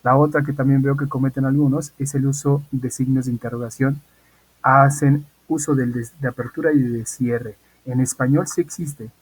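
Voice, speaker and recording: A man of ordinary pitch with a slightly husky, breathy voice teaches an English class over a computer mic. He is patient and repetitive and keeps checking that his students follow. He speaks as a teacher who is used to talking into a video call. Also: steady tone, moderate pace, no echo, poor audio. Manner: patient, repeats key points and checks in with "¿ok?". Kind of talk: online class lesson.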